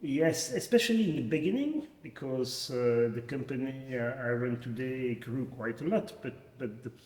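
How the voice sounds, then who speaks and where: A man's voice: medium pitch, animated, normal speed, a little mellow. Hesitant Belgian man in echoey hall. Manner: hesitant, many fillers and restarts. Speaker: fintech founder, guest. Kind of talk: conference interview. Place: conference venue, echoey hall.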